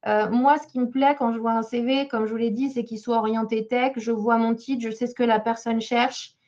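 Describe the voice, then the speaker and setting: Woman job coach reviewing a CV in a webinar, talking hesitantly with many fillers, a fairly high voice, and a muffled lo-fi sound. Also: little pitch movement, normal speed, darkish tone. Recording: slightly dull lo-fi sound.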